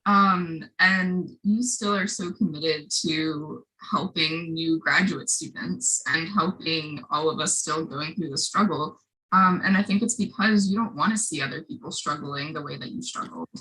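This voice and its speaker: A woman's voice: deep voice, unhurried, pushed and bright, poor audio. A woman hosting a podcast interview, supportive and appreciative toward her guest. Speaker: podcast host. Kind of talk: interview conversation.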